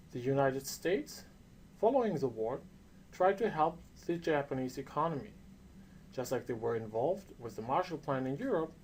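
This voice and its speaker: Animated non-native English man lecturing. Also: mid-range voice, slight background noise. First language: not English. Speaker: course lecturer. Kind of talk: prepared lecture.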